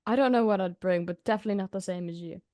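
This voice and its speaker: A young woman interviewing a guest in a casual chat, soft-spoken and filling her talk with "like". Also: mid-range voice, very fast, dry recording, studio quality. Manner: soft-spoken, heavy use of "like".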